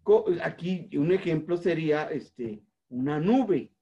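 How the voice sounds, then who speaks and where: Mexican guy teaching music class, slow and patient, lots of "este", kinda dull lo-fi sound. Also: a little high, warm tone. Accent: Mexican Spanish. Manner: patient, explains step by step, fills pauses with "este", demonstrates sounds aloud. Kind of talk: recorded online class.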